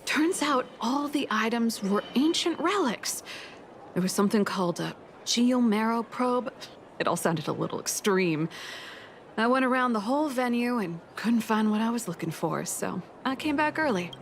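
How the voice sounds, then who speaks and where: A woman's voice: a little high, animated, moderate pace, a little hiss or hum. An actress voicing a chatty woman in a video game, talking plainly about her shopping. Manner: chatty, conversational.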